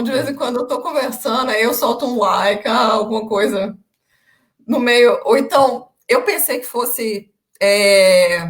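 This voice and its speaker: A young Brazilian woman with a medium-pitched voice and a Brazilian Portuguese accent tells a lively story, full of filler pauses. She is a former language student being interviewed in a casual chat over a video call.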